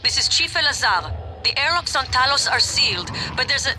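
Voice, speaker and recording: High-pitched, urgent female security chief. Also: animated, brisk, music in the background, poor audio. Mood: urgent, helpful. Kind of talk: video game radio message.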